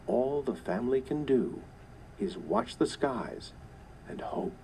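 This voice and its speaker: A man reading a scripted introduction to a story in an even, measured way. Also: medium pitch, slight background noise, rough recording. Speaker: audiobook narrator.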